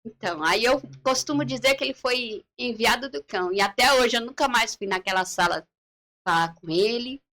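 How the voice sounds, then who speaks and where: A high-pitched woman gives her testimony on a church live stream. Her voice is bright and sharp, and she tells her story with lively drama. She is middle-aged and acts out each remembered exchange. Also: normal speed. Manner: animated storyteller who acts out the dialogue she recalls. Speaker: guest giving a faith testimony.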